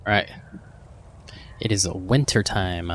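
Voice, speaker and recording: A man's voice: low-pitched, measured pace, fairly bright tone. A man hosting a reaction video, chatting casually and thinking aloud as he comments.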